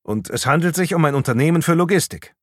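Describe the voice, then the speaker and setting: A man reading a calm police detective who questions a suspect in an audiobook. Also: fairly high pitch, fast talker, no room sound, studio quality, pitched above the performer's own voice. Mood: probing. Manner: cool, questioning.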